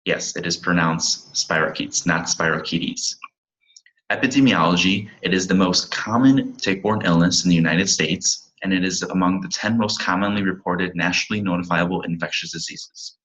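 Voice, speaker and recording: Young man, deep voice, crisp bright tone, slide presentation, reads with slips, muffled computer mic. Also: moderate pace, few pauses. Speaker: pharmacy student presenter.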